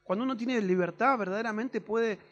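Young Rioplatense man, high voice, casual testimony-style sermon. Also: brisk, muffled recording. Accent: Rioplatense Spanish. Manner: conversational testimony, many fillers and tag questions. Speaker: preacher.

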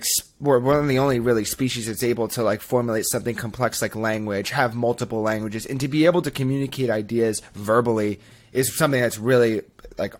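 Casting: male podcast co-host, reflective and hedging, medium pitch, easygoing. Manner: thoughtful, hedging, self-deprecating humor. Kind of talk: casual podcast chat.

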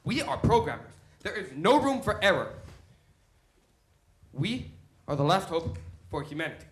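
A man's voice: high voice, very animated, moderate pace. A man playing a stern head programmer. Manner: stern, preaching. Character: strict devoted male head programmer, a father. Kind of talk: stage play acting. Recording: roomy stage sound.

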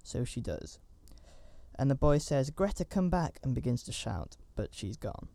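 A man's voice: medium pitch, expressive, unhurried, vocal fry, dark tone, dry recording. A man giving a casual, rambling recap of a horror movie, with chatty asides and fillers. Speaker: film reviewer.

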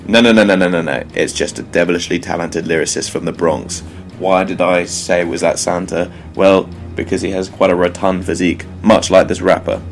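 A British man hosts a solo music commentary podcast, speaking wryly and digressively with jokey asides. His voice is low, gravelly and steady in tone, with a brisk delivery.

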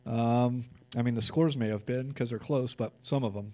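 A man's voice: medium pitch, normal speed. A man with a Californian accent co-hosting a sports podcast, chatting casually and reading out team records. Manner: reads stats, relaxed and conversational.

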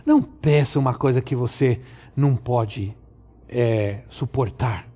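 A man's voice: medium pitch, a little slow, dark tone. A middle-aged man with a Brazilian Portuguese accent preaching a sermon as a pastor, drawing out and repeating his phrases for emphasis. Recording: long hall reverb.

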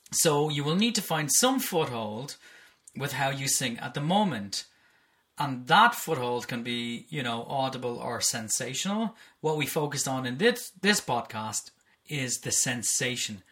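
A singing teacher calmly explaining vocal technique on a podcast, in a patient, explaining way. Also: medium pitch.

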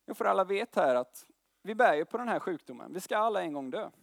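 Young male preacher, high voice, dry close sound, casual slangy sermon delivery. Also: expressive, vocal fry, no room sound. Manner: conversational preaching with slang and tag questions.

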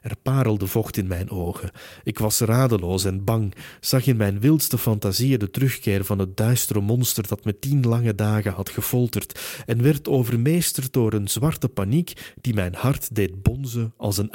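A man narrating a first-person novel in a measured, steady storytelling manner. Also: fairly low pitch, no room sound, clean studio sound. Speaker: audiobook narrator.

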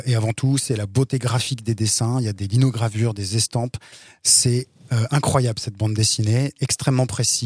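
A man's voice: medium pitch, a little mellow, husky, no echo. Earnest man with a dry close voice. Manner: earnest, measured. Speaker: podcast host. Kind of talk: casual chat.

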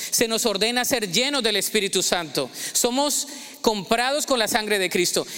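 A high, bright-toned man preaches to his congregation, calling out for responses and repetition. His clear voice rings through the long echo of a church hall. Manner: call-and-response, exhorting the congregation. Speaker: pastor. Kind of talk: sermon. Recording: echoey hall.

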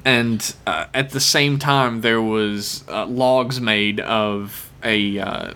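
Guy doing a casual podcast recap, slow and kinda hesitant, lots of pauses. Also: on the low side, steady tone, pushed and bright, clear, resonant tone. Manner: hesitant, halting, frequent pauses. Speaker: podcast co-host.

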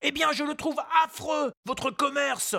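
A man voicing an earnest, indignant little boy in a storybook reading, with a high childlike voice. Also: moderate pace, creaky, pushed and bright, no room sound, clean studio sound, full character voice. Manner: high childlike voice, outraged pleading.

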